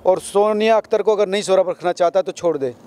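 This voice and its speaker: A man working as a news reporter, conducting a street interview with probing questions and steady prompting. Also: sits high, brisk.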